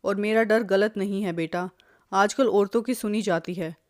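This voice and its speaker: Woman voicing a scolding older mother-in-law, protective and sharp-tongued, mid-pitched storybook voice. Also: steady tone, moderate pace, close to an everyday voice. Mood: sly. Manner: scolding, lecturing.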